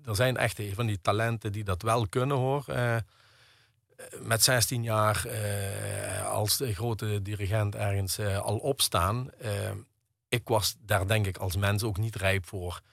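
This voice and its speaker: Middle-aged man, low gravelly voice, halting interview talk, dry close sound. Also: steady tone, a bit bright, no echo. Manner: hesitant, many fillers and restarts. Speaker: guest, percussionist and conductor. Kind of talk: radio interview conversation.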